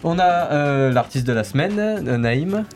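A man's voice: fairly high pitch, animated, unhurried, darkish tone, faint music behind. A young man hosting a casual radio show, upbeat with frequent fillers. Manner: upbeat, sing-song greetings, many fillers.

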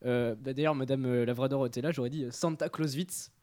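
A man's voice: medium pitch, steady tone, quick pace, darkish tone, no echo. A young man presenting a radio column in casual talk, hesitant and full of fillers.

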